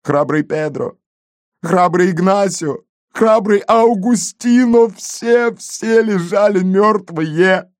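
A man voicing an excitable, wounded male gendarme who boasts and shouts in a storybook reading. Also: fairly high pitch, unhurried, no room sound, studio quality, voice pushed up, natural voice. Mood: panicked boasting.

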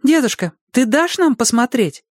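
A man's voice: very high-pitched, expressive, moderate pace, no room sound, voice pushed up. A cheeky young girl, eager and teasing, her voice pushed far up and bouncing, as a male reader puts her on. Close, dry audiobook sound.

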